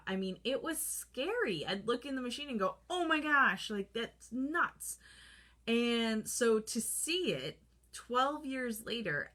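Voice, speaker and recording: A woman's voice: medium pitch, fairly bright tone. Chatty woman vlogging to camera. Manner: chatty, lots of fillers, acts out her own reactions. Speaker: holistic skincare vlogger. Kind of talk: casual talking-to-camera vlog. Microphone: camera close up, holding products to the lens.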